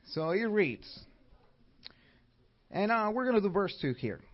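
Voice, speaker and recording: His high voice swings widely in pitch as he moves at a measured pace through a church class, upbeat and full of questions for his audience. He's Mexican, speaking with a Mexican Spanish accent, captured on a dull lo-fi recording.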